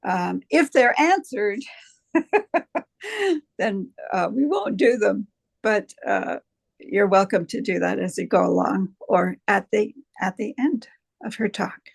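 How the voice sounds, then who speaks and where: A woman's voice: mid-range voice, lively intonation, takes it slowly, creaky, husky, no room sound. A woman hosting a webinar over a video call, introducing the guest and explaining questions, with a hesitant delivery full of fillers. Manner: hesitant, many fillers and restarts. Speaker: webinar host. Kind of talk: moderating a webinar.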